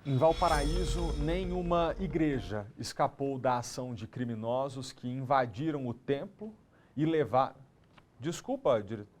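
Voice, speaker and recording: A man's voice: mid-range voice, a little mellow. A man anchoring a live TV newscast, talking in a conversational way with small slips and corrections. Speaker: news anchor. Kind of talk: live TV news presenting.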